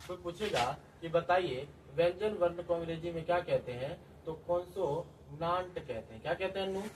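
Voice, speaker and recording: A man's voice: fairly high pitch, brisk, darkish tone. A man teaches a grammar lesson and drills each point by asking and then answering his own questions. He sounds a little far from the mic. There is a faint hiss of background noise. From Bihar, India. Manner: repeats questions and answers in a drilling call-and-response way. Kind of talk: classroom-style grammar lesson.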